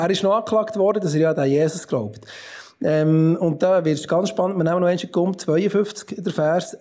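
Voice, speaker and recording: A man preaching a sermon as pastor with a Swiss German accent, telling the story in a lively, animated way with sudden loud outbursts. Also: fairly high pitch.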